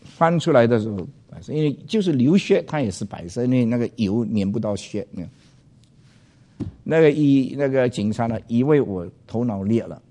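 An older man, a pastor, telling a personal story to an audience in a loud, animated way, dropping in English phrases. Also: mid-range voice, moderate pace.

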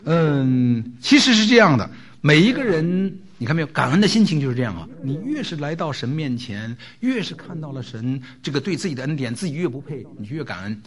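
A man preaching a sermon, telling a story with animated delivery, frequent rhetorical questions and filler words. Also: on the high side, brisk. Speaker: pastor.

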